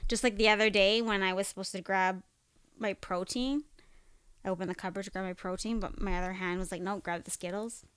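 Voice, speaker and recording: A woman co-hosts a relaxed podcast and needles her partner with short, deadpan jabs. Her voice sounds close and dry, with no room around it. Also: medium pitch, a little fast, smooth, no echo. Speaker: podcast co-host. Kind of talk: casual chat.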